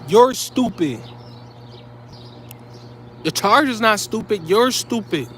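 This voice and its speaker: A man's voice: high-pitched, expressive, takes it slowly, fairly bright tone, a little hiss or hum. A man delivering heated, profane commentary straight to his viewers, blunt and scolding.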